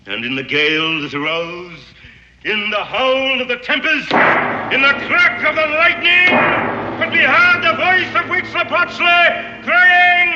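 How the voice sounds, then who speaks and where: An actor playing a grandiloquent English gentleman devoted to a sun god, telling a curse with formal, theatrical diction in a 1960s TV western drama. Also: a little high, sing-song, normal speed, heavy background noise. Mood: ominous. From England. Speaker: fanatical Englishman guarding Aztec gold. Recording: echoey, dull 1960s TV soundtrack.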